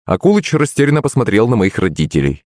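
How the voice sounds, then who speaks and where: A man's voice: on the low side, sing-song, quick pace, a little mellow, dry recording. A man narrating an audiobook in the first person, in a wry storytelling manner at a close mic.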